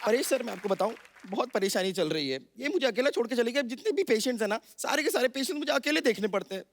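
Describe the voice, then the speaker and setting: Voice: medium pitch, lively intonation, fast, no echo, natural voice. A performer voicing a sassy, quarrelsome younger sister and nurse, firing sarcastic comebacks in a studio sitcom sketch. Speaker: sketch character.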